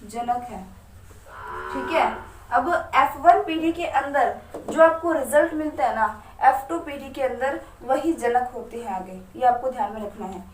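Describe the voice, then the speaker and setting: A woman with a high voice teaches science at a board, asking herself question after question and answering each one, and she speaks directly to her students. Her voice rings around a reverberant room and reaches the mic from a distance, with a faint hiss underneath. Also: a little slow. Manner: asks herself questions and answers them step by step; talks straight to students. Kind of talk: whiteboard lesson.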